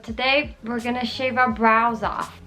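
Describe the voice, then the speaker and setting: A woman's voice: fairly high pitch, little pitch movement, a little slow, bright, forceful tone, faint music behind. A young woman casually chatting through a beauty tutorial at home, joking, rambling and yelping in pain. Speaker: beauty vlogger. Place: at home in front of a mirror.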